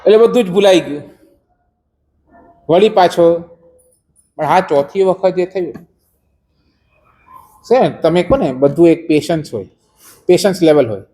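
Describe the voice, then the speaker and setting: A preacher giving a religious discourse, telling a story and quizzing the listeners with rhetorical questions. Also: male voice, a little high, lively intonation, a little slow, long pauses, mellow.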